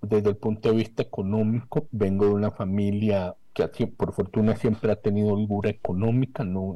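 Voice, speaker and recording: A young Costa Rican man joins a radio interview over a remote connection, his voice low and darkly mellow. He speaks articulately with soft, dropped s sounds. The sound is dry and close. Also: dry recording, rough recording. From Costa Rica. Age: young adult. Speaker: economist guest. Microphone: remote video call.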